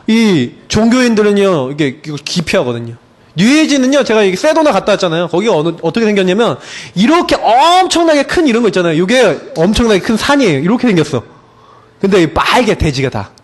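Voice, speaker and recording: Middle-aged male preacher, high and very animated pitch, conversational sermon full of rhetorical questions. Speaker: pastor.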